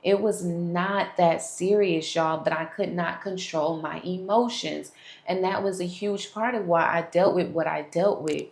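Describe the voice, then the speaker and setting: This vlogger's lowish voice is gravelly with a darkish tone, and she speaks unhurriedly. A young woman, she tells viewers her personal testimony candidly and directly to camera, in an echoey room.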